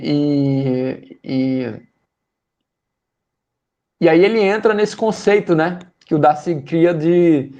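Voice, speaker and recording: Someone with a Brazilian accent and a mellow, medium-pitched voice summarizes a book for a study group. The delivery is hesitant, full of fillers and repeated words.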